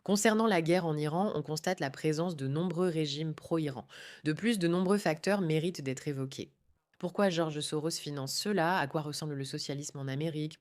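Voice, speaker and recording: A woman with a notably low voice hosts a commentary segment. She delivers each point emphatically, with a steady indignant edge. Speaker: commentary show host. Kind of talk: opinionated political commentary.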